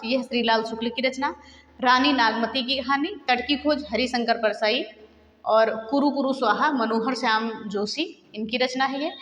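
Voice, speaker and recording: एक महिला शिक्षिका परीक्षा की तैयारी का पाठ पढ़ाती है, तेज़ी से सूची पढ़ती है और बीच-बीच में श्रोताओं से सवाल पूछती है।. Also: female voice, high-pitched, a bit bright. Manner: brisk list-reading with quiz questions to viewers. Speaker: teacher. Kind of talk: exam-prep lesson. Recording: echoey room with long reverb.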